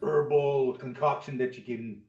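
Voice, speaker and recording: A man's voice: medium pitch, fairly even intonation, unhurried, crowd noise. A man playing a tabletop role-playing game, rambling as he searches for words. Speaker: player. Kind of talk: casual tabletop play. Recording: distant, roomy, lo-fi.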